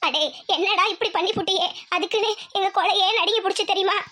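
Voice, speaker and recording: Cartoon granny, old and fussy, shrill and very high, rustic and scolding. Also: female voice, steady tone, fast talker, bright, forceful tone. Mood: bewildered. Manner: scolding, rustic village talk. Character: fussy old village grandmother. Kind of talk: cartoon voice acting.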